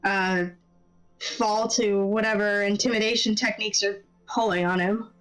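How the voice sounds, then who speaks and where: A woman's voice: medium pitch, fairly even intonation, moderate pace, fairly bright tone, clear, resonant tone, soft background music, lightly acted, low-quality recording. A woman playing a blunt male elf adventurer in a tabletop game, protective like an overbearing dad.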